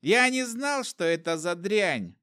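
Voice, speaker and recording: Cowardly old peddler guy a man doing it, hoarse whiny high voice, slow begging. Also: sing-song, sharp tone, heavily acted. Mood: terrified begging. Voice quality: hoarse, whining. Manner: pleading, drawn-out.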